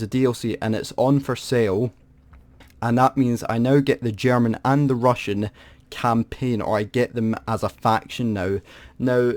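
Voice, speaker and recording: In a mid-range, slightly mellow voice, a man from the United Kingdom delivers improvised gaming commentary to camera. He's aggrieved, griping about being ripped off, and wanders through his points with frequent restarts and corrections.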